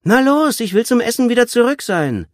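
A man's voice: on the high side, sing-song, brisk, creaky, darkish tone, dry recording, studio quality, voice pushed up, full character voice. A man voicing a sloppy, cruel teenage girl who taunts with a sneer. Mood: taunting.

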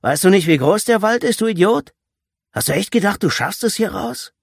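A man's voice: mid-range voice, big pitch swings, moderate pace, dry recording, clean studio sound, voice pushed up. A man voicing a brutal, bullying teenage gang leader who barks harsh, contemptuous orders. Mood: menacing.

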